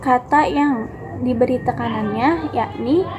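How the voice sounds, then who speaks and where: High-voiced young woman giving a class presentation. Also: unhurried, dull audio, background noise. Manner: explanatory, addresses classmates with fillers. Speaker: student presenter.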